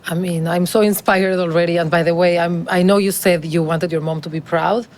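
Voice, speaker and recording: A woman's voice: on the low side, steady tone, brisk, a little mellow, a little hiss or hum. A woman co-hosting a podcast, asking casual, encouraging interview questions. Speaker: podcast co-host.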